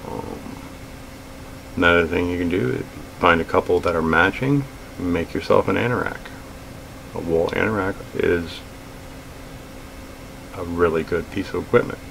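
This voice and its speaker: In a small indoor room stocked with shelves of gear, a middle-aged man with a deep, rough-edged voice chats casually to camera about outdoor gear. His vlog delivery is unhurried, relaxed and plain-spoken, full of fillers, over a faint room hum in a low-quality recording.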